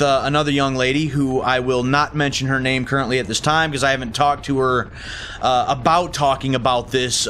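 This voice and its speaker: Halting male motovlogger talking inside a helmet. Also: mid-range voice, fairly bright tone, slight background noise. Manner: halting, thinks aloud with repeated false starts. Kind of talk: casual rambling vlog talk. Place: inside a motorcycle helmet while riding.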